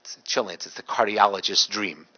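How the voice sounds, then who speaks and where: A middle-aged rabbi gives a public talk, telling stories with dry humor and animatedly imitating the people in them. His voice is fairly low and his pace normal. The audio is dull, with a little background noise.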